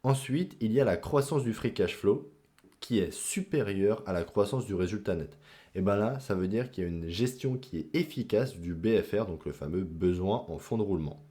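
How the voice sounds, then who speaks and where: Chatty man explaining investing, low mellow voice. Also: animated, moderate pace. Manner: chatty, filler-heavy, self-mocking asides. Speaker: investing channel host. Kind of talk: casual screen-share explainer.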